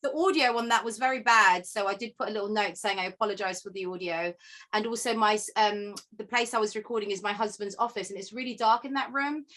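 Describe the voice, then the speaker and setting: A woman hosting a casual interview from her home sewing room over a video call, chatty and quick to laugh. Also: medium pitch, a bit bright. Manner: chatty, laughs often, asks follow-up questions. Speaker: podcast host.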